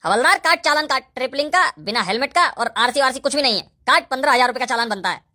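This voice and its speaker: A blustering old grandfather who swears freely and barks orders, as a woman puts him on. The voice sits high and bright, gruff rather than deep. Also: expressive, quick pace. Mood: stern. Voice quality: gruff, foul-mouthed, blustering. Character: crude bossy old grandfather, then a stern policeman.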